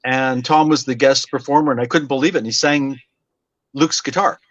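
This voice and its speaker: A man's voice: mid-range voice, steady tone, moderate pace, a bit bright, no room sound, muffled recording. A man in his sixties, a radio DJ, telling stories in an interview with restarts and small chuckles. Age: 60s. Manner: rambling anecdotes with restarts and chuckles. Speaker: interview guest, DJ. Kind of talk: casual storytelling interview.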